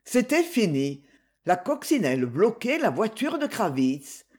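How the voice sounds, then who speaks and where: An audiobook reader narrating a novel with steady, expressive reading. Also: medium pitch, measured pace.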